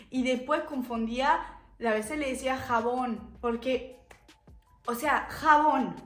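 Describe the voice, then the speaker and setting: A woman, chatting animatedly to camera, laughing often. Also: sits high. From France. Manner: chatty, animated, lots of laughing and filler words. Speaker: vlogger. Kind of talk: casual storytelling to camera. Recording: echoey room.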